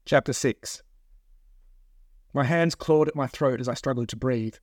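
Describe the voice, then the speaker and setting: A man reads his own novel aloud in a steady, measured first-person narration at a middle pitch. The voice sits close and dry, recorded in a studio with no room echo.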